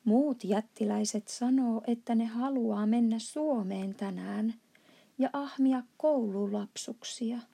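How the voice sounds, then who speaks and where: A woman reading aloud does a hulking man-eating giant from a storybook, loud and gloating as he rattles off insults. The voice is mellow and breathy, with a gravelly edge. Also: a little high. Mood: gloating, insulting. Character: boastful, brutish male giant who eats children.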